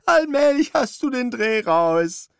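A narrator putting on the voice of a fussy, servile old manservant in a radio play, talking high and quick. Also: male voice, very animated, gravelly, clear, resonant tone, no room sound, heavily acted. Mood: instructive. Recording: dry studio recording.

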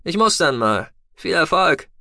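A man voicing a brisk, pushy male starship captain who urges others on. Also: on the high side, very animated, pushed and bright, dry recording, clean studio sound, voice pushed up, full character voice. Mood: urgent. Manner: brisk, urging.

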